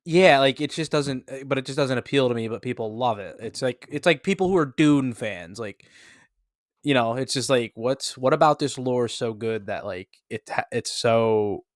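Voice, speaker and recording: A man co-hosting a casual podcast, laid-back and joking, with quick agreeing interjections. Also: medium pitch, no echo, clean studio sound. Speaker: podcast co-host.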